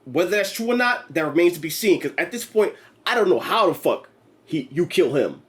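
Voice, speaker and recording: A man co-hosting a casual movie review chat, talking in an animated, profane way and acting out quotes in put-on voices. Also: sits high, brisk. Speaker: co-host of a movie review show.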